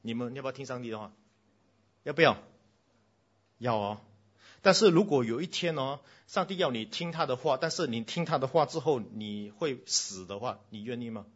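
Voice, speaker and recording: A man preaching a sermon to a congregation, switching between loud exclamations and hushed lines, slipping in English phrases and speaking directly to the children. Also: medium pitch, lively intonation, moderate pace, husky, dull audio.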